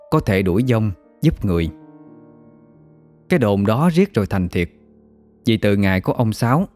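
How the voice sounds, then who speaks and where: A man, narrating a ghost story in a steady, measured way. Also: on the low side, dry recording.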